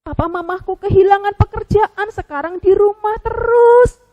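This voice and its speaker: A woman voicing a sad little penguin puppet in a children's story, talking softly and slowly, on the edge of tears. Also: very high voice, highs cut off, voice pushed up. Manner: soft, quiet and slow, breaking into sobs.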